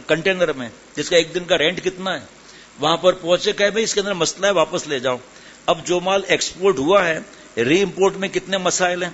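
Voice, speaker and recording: A man's voice: a little high, a bit bright, slight background noise. A man preaching a religious sermon to a live gathering, firing questions straight at his listeners and slipping English words into his talk. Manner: questions the audience directly, mixes in English words. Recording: dull lo-fi sermon recording.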